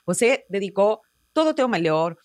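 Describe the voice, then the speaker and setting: A woman's voice: medium pitch, very animated, moderate pace, darkish tone, dry recording, studio quality. A woman parenting educator speaking emphatically, often acting out dialogue between a parent and a child. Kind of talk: talk clip.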